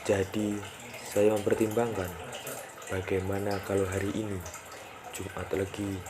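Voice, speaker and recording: Brief: calm commanding independence leader, played by a woman in a school play, very deep flat voice, crowd noise around. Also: unhurried. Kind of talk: school drama reenactment.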